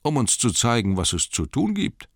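Rowdy, tipsy young wood-elves, as a man puts them on while reading an audiobook jeer and call out loudly. The voice is pushed up well above his deep normal tone and bounces around, with a dry, close sound. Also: huge pitch swings, normal speed, no echo. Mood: impatient. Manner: loud, jeering, impatient. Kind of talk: audiobook character voice.

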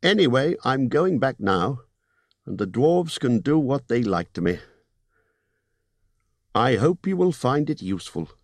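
A man voicing a fussy, polite male hobbit burglar who talks in a businesslike, slightly squeaky way. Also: big pitch swings, measured pace, long pauses, no room sound. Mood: uncomfortable.

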